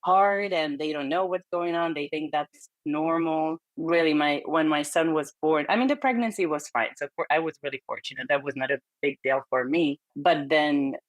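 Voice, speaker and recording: A middle-aged Hungarian woman with a Hungarian accent joins a podcast as a perinatal therapist guest, talking candidly and earnestly at a moderate pace with hardly any pauses. Her voice is deep, she laughs lightly between phrases in the conversational interview, and there's no room sound.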